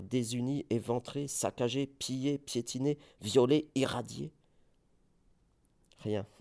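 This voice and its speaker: A man in his forties giving a dramatic poetry recitation, theatrical, moving between hushed murmurs and sudden cries. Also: on the low side, creaky. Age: 40s.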